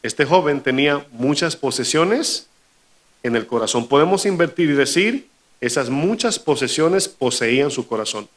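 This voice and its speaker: A man's voice: on the high side, expressive, normal speed. A male pastor preaching a sermon, asking the congregation questions and acting out quoted lines.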